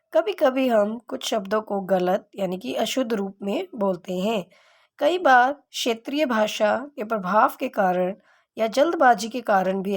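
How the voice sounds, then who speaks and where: Female teacher, slightly high voice, slow deliberate grammar lesson for kids. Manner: slow, explanatory, asks and answers own questions.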